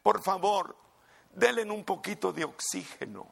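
A desperate pastor begs insistently in a raised, gravelly voice, as a preacher acts him out. His pleas stay urgent and pressing. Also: high voice, big pitch swings, unhurried, voice pushed up, full character voice. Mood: pleading. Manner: pleading, insistent. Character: desperate pleading male pastor.

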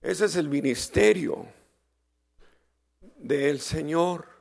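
A man preaching a sermon, slow and dramatic, who asks the congregation for responses and rises to shouted peaks. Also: fairly high pitch, creaky.

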